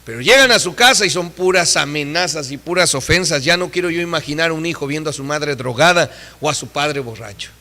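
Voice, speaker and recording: Man preaching, high bright voice, emphatic, acts out quoted voices, long church reverb. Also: fairly quick. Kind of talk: sermon.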